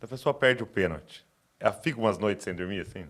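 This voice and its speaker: A male podcast host puts short questions to his guest in conversation. His voice is low but moves a lot in pitch. In between, he adds quick replies that keep the talk going. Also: expressive, a bit bright. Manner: brief questions and backchannel replies. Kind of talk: interview conversation.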